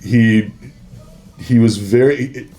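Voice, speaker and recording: Over soft background music and poor audio, a podcast guest who once worked celebrity security spins casual anecdotes, acting out old exchanges. His medium-pitched voice is mellow, and he draws out his words.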